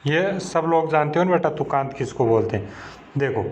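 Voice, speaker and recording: A man's voice: on the high side, lively intonation, moderate pace, darkish tone. A man teaching a lesson to children, asking questions and answering them himself in a patient, repetitive way. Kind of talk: slow classroom explanation to children. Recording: dull lo-fi recording.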